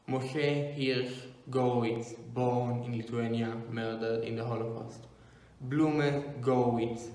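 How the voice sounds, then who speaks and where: Young man reciting names in an echoey room. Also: medium pitch. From South Africa. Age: young adult. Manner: measured, even recitation. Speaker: memorial reader. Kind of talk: solemn reading of victims' names.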